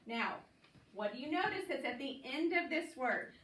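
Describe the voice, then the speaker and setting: High-voiced woman teaching in a roomy classroom. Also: lively intonation, normal speed, a bit bright. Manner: upbeat, coaxing, questions students by name. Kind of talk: classroom phonics lesson. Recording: roomy, distant mic, audible noise.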